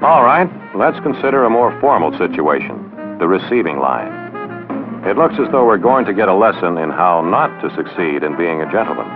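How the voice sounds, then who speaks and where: Narrating a training film from the 1960s, a low-voiced man gives instructions at a normal pace, his delivery animated and undulating, peppered with dry sarcasm. Music plays beneath him on the dull, aged soundtrack.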